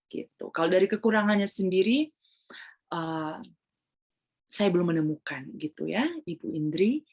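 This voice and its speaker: A woman's voice: lowish voice, normal speed, a little mellow. A woman Montessori trainer explaining in an online webinar, mixing English phrases into her talk and acting out examples. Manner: acts out examples of what she tells children.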